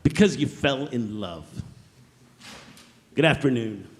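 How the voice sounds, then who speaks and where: A man's voice: medium pitch, expressive, slow, creaky, a little hiss or hum. A man playing a miserly, scornful old businessman in a theatrical stage reading, curt, sarcastic and emphatic. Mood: dismissive, sarcastic. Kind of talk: theatrical dramatic reading of Victorian story. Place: large church interior. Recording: echoey hall with long reverb.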